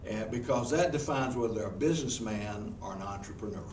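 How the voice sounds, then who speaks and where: This is a man with a lowish, darkish voice and a Southern US accent, talking fairly quickly as he answers interview questions for a group in a meeting room. A professional speaker, he comes across as folksy and earnest and restarts often. Audio is noisy, echoey, and picked up by a far-off mic.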